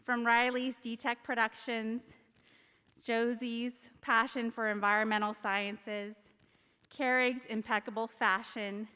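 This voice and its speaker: A woman teacher giving a fond, joking graduation speech at a high school ceremony in a large hall. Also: fairly bright tone, clear, resonant tone. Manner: fond and joking, with small laughs. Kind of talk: heartfelt prepared speech, read aloud. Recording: long reverb of a large hall.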